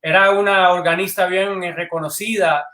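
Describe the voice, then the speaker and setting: A man from Cuba, a band director, answering interview questions in a measured, thoughtful way over a video call. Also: high-pitched, fairly even intonation, sharp tone. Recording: echoey room sound.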